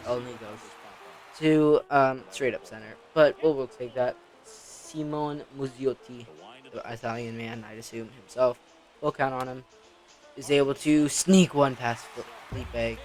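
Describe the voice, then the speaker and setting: A man giving excitable let's-play commentary on a baseball video game, talking back at the game and pleading with players. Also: medium pitch. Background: background music.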